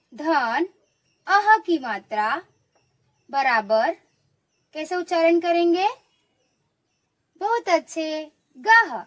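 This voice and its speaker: A woman teaching young children, coaxing them to repeat sounds after her and praising each answer. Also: very high-pitched. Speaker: primary school teacher. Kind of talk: online lesson for young children.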